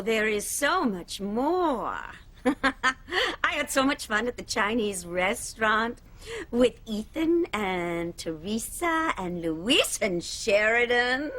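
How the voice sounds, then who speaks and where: A woman's voice: mid-range voice, a bit bright, full character voice. An actress playing a gloating, scheming wicked witch who is trapped in a bottle, in soap opera style. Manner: cackling, scheming, theatrical.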